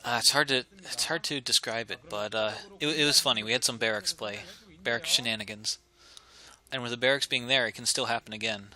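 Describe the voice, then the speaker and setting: A man commentating a strategy video game, talking through the action casually and getting excited and laughing at big plays. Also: mid-range voice, fairly quick, rough recording. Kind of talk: esports play-by-play commentary.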